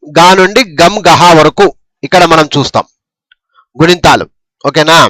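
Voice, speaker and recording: A man's voice: on the high side, normal speed, a bit bright, no echo, poor audio. A man teaching a script lesson, reciting syllables one by one and checking in with his students. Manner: patient, repetitive drilling, frequent "okay?" checks.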